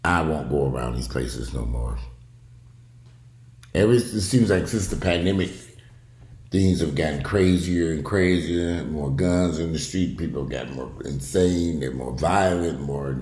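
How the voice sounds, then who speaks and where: A man's voice: a bass voice, lively intonation, a little slow, darkish tone, echoey room. A man giving casual, opinionated video commentary at home, talking in a blunt, profane, rambling way. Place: indoors at home.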